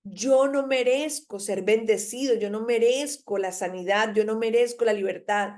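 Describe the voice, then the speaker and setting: A woman's voice: fairly high pitch, normal speed, a little mellow. Woman preacher, emphatic and repetitive, reads scripture then urges you on. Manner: emphatic, repetitive, exhorting the listener. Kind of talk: devotional sermon with Bible reading.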